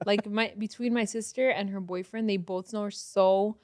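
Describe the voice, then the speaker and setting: A woman talking casually on a podcast, animated and quick to laugh as she tells stories. Her voice sits at an ordinary pitch for a woman. It is recorded close on a dry mic. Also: no room sound. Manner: animated, laughing, swearing freely. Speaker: podcast co-host. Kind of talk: casual chat.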